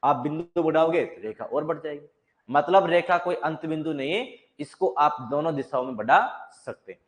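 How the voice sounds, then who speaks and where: A male maths teacher talks through a lesson in a fairly high voice. He explains each point step by step and often asks the class a question before he answers it himself. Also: moderate pace. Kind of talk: classroom lecture.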